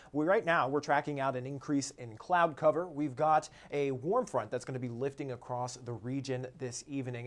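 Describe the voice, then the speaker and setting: A male meteorologist giving a live-streamed weather forecast in a relaxed, conversational way, with frequent "uh" fillers. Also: a little high.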